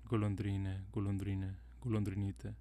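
A man voicing a gentle, sorrowful statue prince in a calm, even storybook reading. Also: deep voice, normal speed. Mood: tender.

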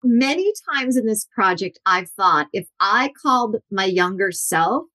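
A woman in her forties speaks as an interview guest, telling her stories with lively swings in pitch and voicing the people she quotes. Her voice sits at an average pitch for a woman. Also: unhurried. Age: 40s. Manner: animated, acts out quotes with shifting voices. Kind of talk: storytelling interview.

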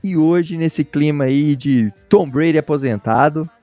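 A man's voice: fairly high pitch, unhurried, mellow, no room sound, faint music behind. A man with a Brazilian accent hosting a casual sports podcast, chatting in an informal, jokey, stop-start way. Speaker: podcast host.

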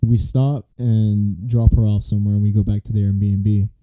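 A man's voice: lowish voice, flat delivery, moderate pace, dark tone, clear, resonant tone, lo-fi sound. A young man co-hosting a podcast, telling a long rambling story in casual chat. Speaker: podcast co-host.

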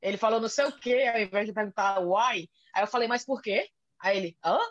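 A woman's voice: medium pitch, a little fast, no echo. Chatty Brazilian woman, lo-fi sound. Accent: Brazilian Portuguese. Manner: lively storyteller who acts out dialogues. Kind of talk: casual chat. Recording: dull lo-fi sound.

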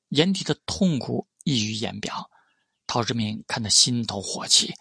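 A man narrating a web novel audiobook in an even, steady storytelling voice. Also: medium pitch, creaky, breathy edge, no echo, clean studio sound.

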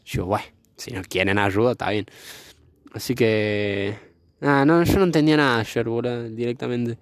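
A young man telling a story in a casual chat, slangy and animated, outdoors by a fire. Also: mid-range voice, moderate pace, dry recording, studio quality.

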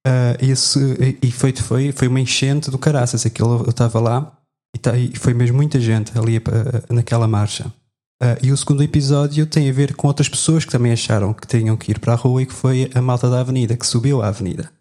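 A man reflects and recounts in a relaxed conversation. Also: mid-range voice, fairly quick.

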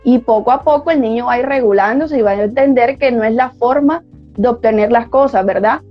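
A woman's voice: fairly high pitch, a little fast. A woman hosting an interview who asks questions, sums up points and agrees with her guest. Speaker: host. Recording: dull lo-fi audio with faint music.

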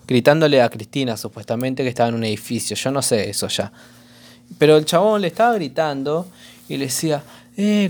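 A male vlogger with a hoarse, mid-range voice and an Argentine Spanish accent rambles through a casual commentary vlog packed with slang and fillers.

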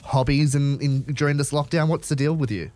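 A man's voice: fairly high pitch, fairly even intonation, fairly quick, dark tone, no room sound, soft background music. A man with an Australian accent hosting a casual radio interview in an upbeat, effusive manner. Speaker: radio host.

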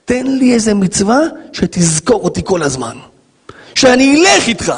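Man putting on God, pleading and high. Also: sing-song, husky, full character voice. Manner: pleading, repeating short commands. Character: God speaking to a believer, gentle but demanding.

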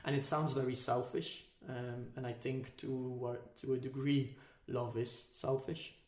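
In an echoey, roomy recording, a man with a mid-range, slightly mellow voice speaks in a level, unhurried way. He is a podcast guest reflecting casually and thinking aloud, tentative and philosophical, groping for the right words.

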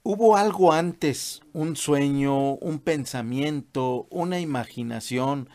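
A man's voice: fairly high pitch, takes it slowly, a little mellow. A man, interviewing a guest and asking long, searching questions. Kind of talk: casual interview.

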